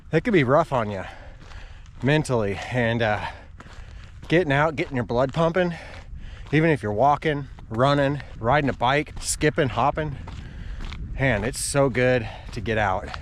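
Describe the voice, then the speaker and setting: A man's voice: medium pitch, measured pace, pauses often, a little hiss or hum. A man talking casually to his viewers while out running outdoors, recorded on an action camera he carries. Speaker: running vlogger. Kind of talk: casual vlog talk to viewers. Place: outdoors on a country road.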